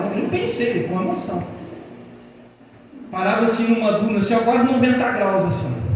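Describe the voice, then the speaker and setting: A man with a Brazilian Portuguese accent preaching a sermon as pastor, telling stories in an animated way with acted-out quotes. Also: sits high, slight background noise. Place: large church hall. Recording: echoey church hall, voice from far off.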